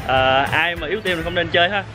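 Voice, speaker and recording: A man's voice: fairly high pitch, fast talker. A young man with a southern Vietnamese accent chatting casually to a camera held at arm's length outdoors. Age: young adult. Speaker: travel vlogger. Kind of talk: casual vlog talk to camera. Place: outdoors on walkways in an amusement park. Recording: loud background music, outdoor vlog.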